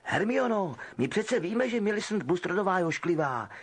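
A man's voice: high voice, big pitch swings, voice pushed up. A male audiobook reader voicing a cautious, nervous teenage boy with an urgent manner.

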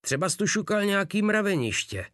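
A man's voice: high voice, sing-song, fairly bright tone, no room sound, studio quality, voice pushed up. Man doing a crude joking soldier brute. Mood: mocking. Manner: crude, mocking.

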